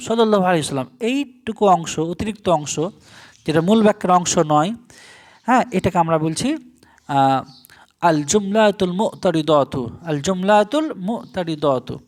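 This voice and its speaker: Speaking Bengali, a Bangladeshi man with a high-pitched voice gives an online lesson on Arabic grammar, explaining each step in turn and carefully spelling the Arabic terms at a slow pace.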